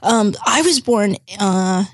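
A woman in her forties, born in Vietnam, telling her life story as a guest in a studio interview, animated and acting out what others said. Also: mid-range voice, takes it slowly, dry recording. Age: 40s. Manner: animated storytelling, acts out quoted voices. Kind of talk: conversational interview.

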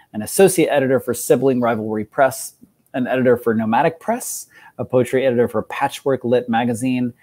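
A man's voice: mid-range voice, warm tone. A man hosting an online poetry reading, introducing the next poet in a friendly, joking way with frequent fillers. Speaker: host of the reading. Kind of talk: event introduction.

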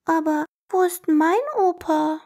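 A woman's voice: flat delivery, measured pace, creaky, a little mellow, exaggerated voice. A woman voicing a curious little girl in a children's storybook. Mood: childlike. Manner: small, high, childlike.

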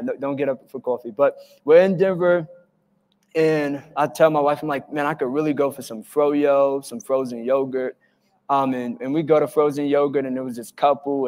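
A man preaching a sermon as pastor, telling stories with lively acted-out quotes. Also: mid-range voice. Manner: animated storytelling with acted-out quotes. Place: church hall. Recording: church hall with long reverb.

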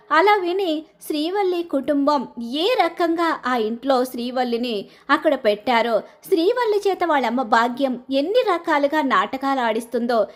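A woman narrating a storytelling recap of a television drama in a lively, dramatic way. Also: high voice.

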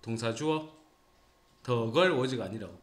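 An English teacher with a Gyeongsang Korean accent speaks at medium pitch, animated yet slow, while teaching a small class grammar. He keeps quizzing and teasing his students, and the roomy classroom echo is audible.

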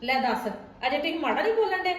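A woman's voice: high-pitched, sing-song, fast. A woman playing a young wife who argues back at her mother-in-law in an amateur family drama skit. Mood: defiant. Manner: pleading, then argumentative. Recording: very echoey room, from far off.

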